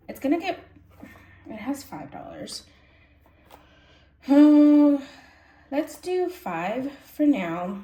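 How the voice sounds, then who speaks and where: Her warm voice leans high as this congested vlogger casually explains cash stuffing for her budgeting channel, thinking aloud and correcting herself along the way. Echo and faint background noise fill the room.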